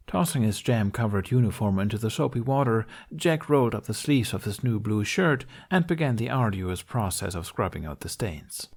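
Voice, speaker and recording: A man with a lowish, darkish voice narrates a fantasy story aloud in scripted, audiobook-style fashion. He is a podfic narrator reading fan fiction.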